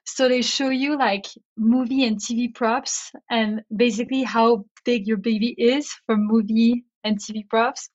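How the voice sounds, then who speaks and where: Woman cohosting a podcast, highish voice, emphatic, kinda lo-fi audio. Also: fairly even intonation, unhurried, hardly any pauses. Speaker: podcast co-host. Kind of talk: casual podcast chat. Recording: dull, lo-fi remote audio.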